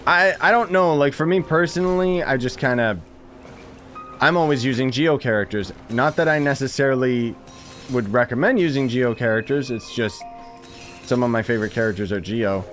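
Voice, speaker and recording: With soft background music behind him, a man speaks in a mid-range, slightly bright voice at normal speed. As a gaming streamer, he delivers informal, slangy live commentary, chats with viewers, and exclaims and chuckles while playing.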